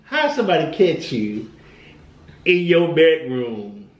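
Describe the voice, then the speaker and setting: A man's voice: a little high, sing-song, slow, lo-fi sound. A man co-hosting a casual chat with teasing, opinionated, dry interjections. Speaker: husband and co-host. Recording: echoey room with faint noise.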